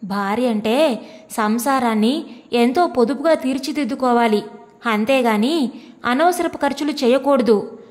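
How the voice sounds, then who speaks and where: A woman's voice: sits high, unhurried, pauses often, darkish tone, long reverb tail. A woman reading the part of a mocking husband who scolds his wife with sneering contempt. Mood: scornful. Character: scornful, mocking husband, a grown government clerk.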